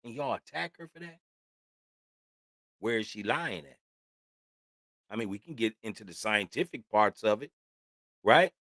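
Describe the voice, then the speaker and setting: A man's voice: fairly low pitch, lively intonation, measured pace, pauses often, a bit bright, dry recording, studio quality. A man hosting a casual opinion podcast, talking in a loose, slangy, rambling way. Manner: loose, slangy and talkative, with frequent "man" and "you know what I'm saying". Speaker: podcast host.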